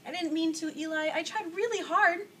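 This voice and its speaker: A woman's voice: very high-pitched, moderate pace, pushed and bright, a little hiss or hum, pitched above the performer's own voice. A woman voicing a timid, self-doubting little male wooden puppet in a storybook, with hesitant, pleading questions. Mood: apologetic.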